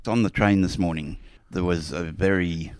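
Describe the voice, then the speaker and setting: A man's voice: low voice, moderate pace, smooth, dry recording. A man co-hosting a radio chat show, telling a story in a wry, dry way. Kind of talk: casual studio chat. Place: radio studio.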